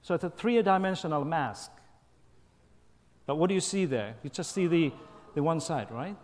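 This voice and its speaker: Male lecturer from Finland, slightly high-pitched, engaging and playful; long auditorium reverb. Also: normal speed. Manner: lively and playful, coaxing the crowd, frequent "okay?" and "right?". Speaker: guest lecturer. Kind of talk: public lecture with audience participation. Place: large university auditorium.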